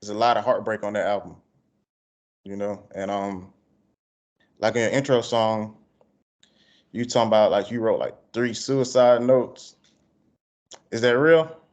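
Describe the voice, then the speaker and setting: A man's voice: fairly low pitch, fairly even intonation, unhurried, long pauses, a little mellow. A man with a country Georgia Southern accent, interviewing casually in heavy slang. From Georgia, United States. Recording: dull, lo-fi call audio.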